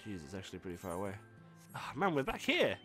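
A man's voice: on the low side, huge pitch swings, fast, fairly bright tone, soft background music. A man playing a video game with a co-player, commenting casually and reading dialogue aloud, with plenty of restarts and the odd swear. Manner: rambling, self-correcting, swears casually. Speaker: let's play host.

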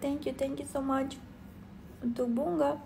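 A sleepy woman, chatting at a slow, unhurried pace on a phone livestream. Her voice sits a little high. She halts often with drawn-out fillers as she searches for words, sounding worn out. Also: flat delivery, gravelly, darkish tone, slight background noise. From Belarus. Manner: halting, searching for words, many pauses with "eh". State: tired and sleepy. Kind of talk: casual livestream chat answering comments.

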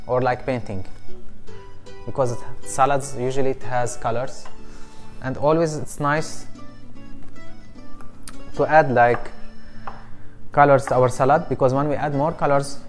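A chef in his thirties giving a cooking demonstration in a studio kitchen, explaining each step in simple, halting English. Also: medium pitch. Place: studio kitchen set, indoors.

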